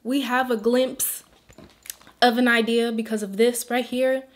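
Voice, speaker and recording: A woman beauty influencer speaking in an earnest, pleading faith vlog, holding back tears and dropping into soft whispers. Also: medium pitch.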